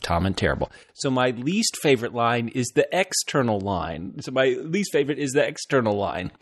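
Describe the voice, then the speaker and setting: A man's voice: mid-range voice, very animated, normal speed. A man co-hosting a comedic podcast, ribbing his partner in a teasing, playful way. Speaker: podcast co-host.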